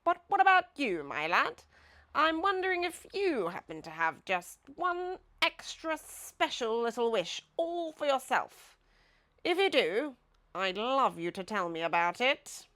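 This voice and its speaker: A woman performs a full character voice of a grand male Duke in a storybook, pitching well above her natural voice. The Duke is a kindly, generous know-it-all, and she delivers him pompously and declamatorily, in a high, bright, forceful tone with big pitch swings, at an unhurried pace.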